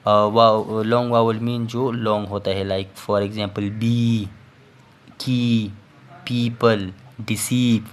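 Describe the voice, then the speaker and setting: A man giving a recorded lesson, explaining slowly and checking in with the listener after each point. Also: fairly low pitch. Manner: explains patiently, repeats "theek hai" and fillers. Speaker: teacher. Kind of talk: recorded classroom lecture.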